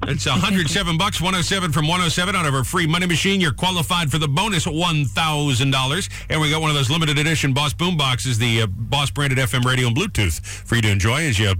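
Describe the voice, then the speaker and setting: A man works as a radio host, running through a contest promo in playful patter. His voice sits a little high and has a bright, punchy edge. He talks very quickly, rolling from one detail to the next. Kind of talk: radio contest promo and upbeat on-air banter. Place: radio studio.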